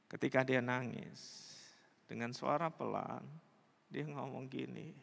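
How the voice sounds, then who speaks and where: Man, pastor, Indonesian accent, dramatic sermon storytelling, tense bright tone, reverberant church hall. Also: steady tone, unhurried, vocal fry. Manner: dramatic, swings between loud outbursts and hushed low tones.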